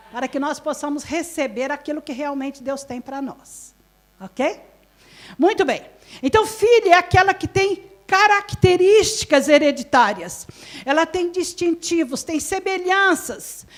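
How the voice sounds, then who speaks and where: A woman's voice: very high-pitched, lively intonation, unhurried. A woman pastor with a Brazilian Portuguese accent, giving a live sermon at a women's conference. She asks the audience questions and laughs often.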